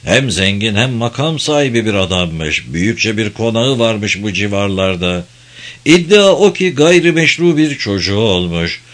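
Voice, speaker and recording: A man narrating an audiobook in a measured storytelling manner. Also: on the low side, animated, a bit bright.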